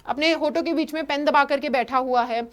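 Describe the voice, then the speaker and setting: High-voiced woman teacher explaining a story. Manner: reads English lines slowly, then explains in quick Hindi. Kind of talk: Hindi-English chapter explanation.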